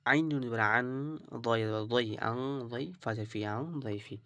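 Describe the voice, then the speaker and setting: In a slow Quran reading lesson, a man spells out syllables one by one, draws out the recited words, and often checks in with "right?" His medium-pitched, a bit bright voice has fairly even intonation at a moderate pace, with no echo.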